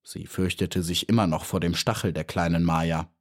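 A man narrating an audiobook of a children's story in a calm, measured storytelling manner. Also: deep voice.

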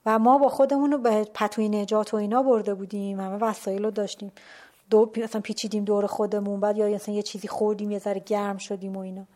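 A woman casually telling a personal story out loud. She is animated, sometimes drops to a hushed whisper, and often breaks off mid-word to restart. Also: medium pitch. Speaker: storyteller recounting a climb.

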